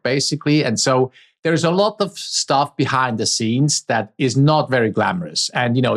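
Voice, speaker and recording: Appearing as an interview guest, a middle-aged man from Switzerland replies conversationally with a Swiss German accent; Swiss German is his native language, and his voice is medium-pitched.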